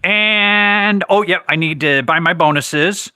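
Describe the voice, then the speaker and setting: A man hosts a live craps stream in a bright, slightly high voice, recorded dry and close. He chats casually, reads viewer questions aloud and corrects himself as he goes. He has the hiccups. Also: slow, smooth, no room sound. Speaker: livestream host.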